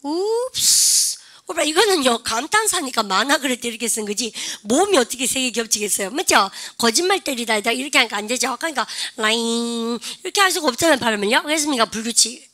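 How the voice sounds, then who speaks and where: A middle-aged woman teaches English grammar to a classroom. Her voice is fairly high and very bright. She keeps things lively, drilling students with quick call-and-response prompts. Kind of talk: classroom lecture.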